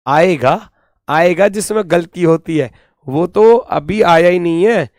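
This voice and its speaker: A man's voice: high-pitched, slow, a little mellow, no echo, clean studio sound. A man teaching an exam-prep lesson, repeating key words as he points through a diagram and playfully scolding his students.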